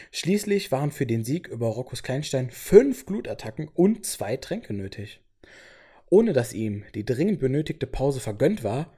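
A man's voice: mid-range voice, dark tone, breathy edge. A man reading a game storybook chapter aloud as the narrator.

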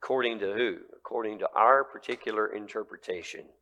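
A male pastor preaching a sermon in a lively, conversational way, full of rhetorical questions. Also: fairly low pitch, fairly quick, creaky, lo-fi sound.

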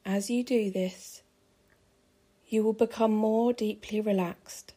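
A woman calmly guiding a pregnancy relaxation meditation with slow, soothing, measured phrasing. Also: mid-range voice. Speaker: meditation guide.

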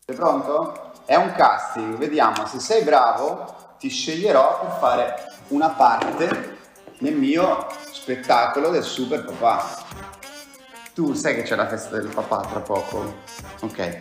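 Low-voiced playful woman, very echoey room. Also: takes it slowly. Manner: teasing, encouraging, lively. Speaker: interviewer of children. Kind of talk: playful questioning of a child. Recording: very echoey room with faint music.

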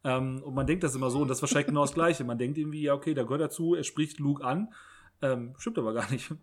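A man's voice: mid-range voice, fast talker. Casual man hosting a chat. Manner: restarts and repeats words.

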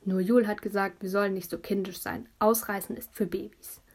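A woman narrating a children's audiobook in a lively storytelling voice, telling it as a child would. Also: medium pitch, brisk, husky.

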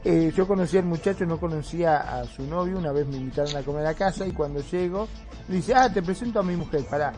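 Animated Rioplatense-accented man. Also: fairly high pitch, fast, soft background music. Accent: Rioplatense Spanish. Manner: animated storyteller, acts out quoted shouts. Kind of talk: casual chat.

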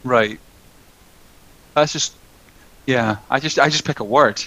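Podcast guy, jokey and chatty, mid-pitched voice. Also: low-quality recording. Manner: joking, animated, quick asides. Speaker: podcast co-host. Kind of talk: casual chat.

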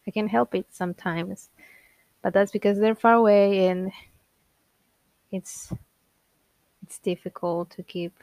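A woman's voice: on the low side, darkish tone, dry recording. A young woman hosting her own show, talking in a rambling, candid way, laughing often and poking fun at herself as she drifts between topics. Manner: self-deprecating, wanders off topic. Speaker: podcast host. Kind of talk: casual solo monologue.

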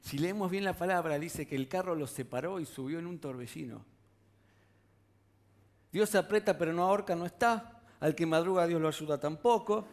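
A man's voice: fairly high pitch, normal speed, a little mellow. A man with a Rioplatense Spanish accent preaching a sermon in a conversational way, often putting rhetorical questions to the congregation.

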